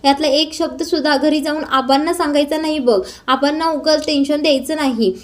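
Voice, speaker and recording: A woman voicing a gentle young wife who speaks softly and earnestly about her worries. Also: high-pitched, steady tone, brisk, lightly acted.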